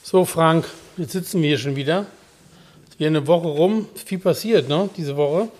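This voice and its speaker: A chatty man tells a story at length and acts out the phone calls in it. His voice sits a bit high for a man. He talks casually to a co-host. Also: moderate pace, darkish tone. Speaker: podcast host. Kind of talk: casual chat.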